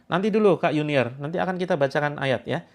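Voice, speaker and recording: A slightly high-voiced man runs a guided group healing session. He walks listeners step by step through the routine, repeating each instruction and coaxing them along. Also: quick pace. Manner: instructing, repetitive, coaxing viewers through steps. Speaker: spiritual healing coach.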